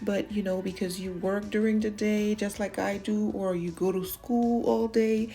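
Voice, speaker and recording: Chatty woman vlogger with a mellow voice. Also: mid-range voice, steady tone, normal speed. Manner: chatty, addresses viewers directly with encouraging tips. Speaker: home organization vlogger. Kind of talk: casual voice-over narration of cleaning.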